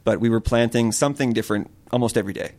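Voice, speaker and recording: A man's voice: mid-range voice, racing, a little mellow. A man from Connecticut who runs a small farm, earnestly explaining his work in an interview. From Connecticut, USA. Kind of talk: interview answers.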